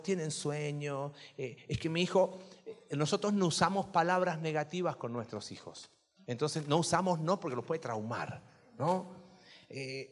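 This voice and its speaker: In a church with a long reverb tail, a slightly high-voiced pastor delivers a sermon. He keeps it conversational and chatty, frequently asking the congregation questions.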